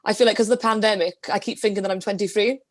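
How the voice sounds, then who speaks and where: A woman's voice: mid-range voice, steady tone, racing, no echo. A woman in her twenties with a Welsh Valleys accent, chatting casually and telling anecdotes in an interview on a video call. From Wales, the Valleys. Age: 20s. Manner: informal, anecdotal storytelling. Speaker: guest, DJ. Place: small indoor room at home, video call.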